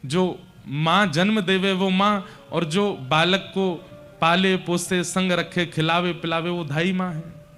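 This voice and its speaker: Narrate as a man telling a devotional scripture story: keep your voice high and bright, swell dramatically at emotional peaks, soft music underneath. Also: steady tone, slow, smooth. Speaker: religious storyteller.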